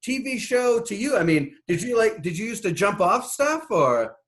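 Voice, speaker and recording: A male magazine interviewer asks a guest about his career in an easy, conversational manner. He keeps the talk moving with quick acknowledgments. His voice sits fairly high for a man. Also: big pitch swings, fairly bright tone. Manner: friendly, chatty questioner with quick backchannels. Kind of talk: casual interview questions.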